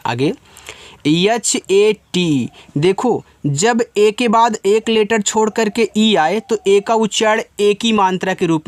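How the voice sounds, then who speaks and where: High-voiced man teaching by spelling words aloud. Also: no echo. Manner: spells out words letter by letter, then asks and answers himself; informal, addresses students directly. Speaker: English teacher. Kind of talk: spoken classroom lesson.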